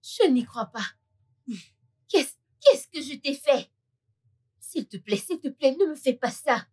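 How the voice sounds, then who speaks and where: A woman's voice: sits high, animated, slow pace, darkish tone. A woman dubbing in French as a desperate young woman who pleads tearfully with her boyfriend. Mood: pleading. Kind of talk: French film dub.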